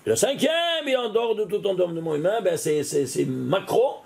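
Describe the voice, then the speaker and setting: A man, a rabbi, giving an animated Torah lesson, often exclaiming and putting questions straight to the listener. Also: high voice, brisk, creaky. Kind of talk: lively spoken Torah lesson.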